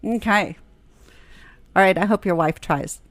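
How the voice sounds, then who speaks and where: A woman's voice: mid-range voice, unhurried, no room sound. A woman hosting a podcast, asking playful, probing questions in casual chat. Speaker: podcast host.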